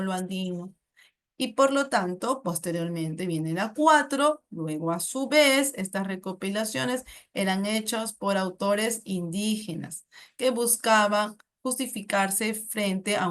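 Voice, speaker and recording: A Peruvian Spanish-accented woman teaches through exam questions in a patient, explanatory way. She checks in with short tag questions and corrects herself mid-phrase as she goes. Her voice sits at an ordinary middle pitch.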